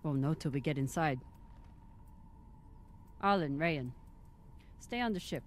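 An actress playing a stern, composed space captain in a video game, measured and commanding. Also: female voice, low voice. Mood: composed, guarded.

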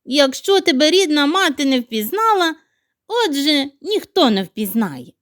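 A woman's voice: sits high, sing-song, unhurried, a bit bright, no room sound, clean studio sound, exaggerated voice. A woman voicing a clever, bossy female cat in a storybook tale, speaking in a knowing, matter-of-fact way.

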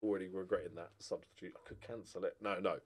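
A low, steady-toned voice from a fast talker: a middle-aged British gaming streamer playing a football management game. His commentary rambles casually with jokes, and he thinks aloud, swinging between muttering and exclaiming.

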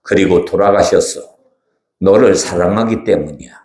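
A man voicing a gentle teacher in a live children's church puppet show, calmly explaining and reassuring. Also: deep voice, normal speed, close to an everyday voice. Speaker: pastor performing. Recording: echoey church hall, faint music.

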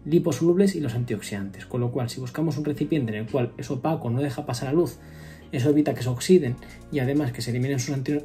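A man's voice: mid-range voice, mellow. A man in his thirties giving casual step-by-step nutrition advice at home on a webcam, with fillers and self-corrections. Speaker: nutrition vlogger. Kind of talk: casual explanatory vlog. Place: home room with wooden ceiling, indoors.

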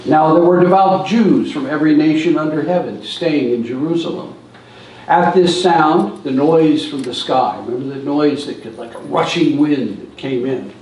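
At normal speed, an older seminar speaker with a voice on the high side and a slightly mellow quality tells stories during a church talk. He gestures at a lectern in a large hall, heard from a distance with echo and some background noise.

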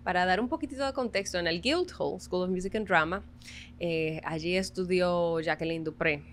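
A young woman with a Dominican accent, a guest violinist telling her story in a relaxed interview, animated and earnest, often laughing. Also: on the low side, moderate pace, a little hiss or hum. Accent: Dominican Spanish. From Dominican Republic.

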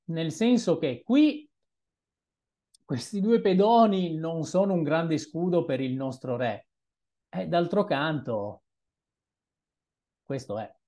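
Young male streamer, slow and deliberate, talks through moves with musing, hesitant asides, webcam at a desk in a small room. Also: on the high side, warm tone. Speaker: chess streamer. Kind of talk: thinking-aloud game commentary.

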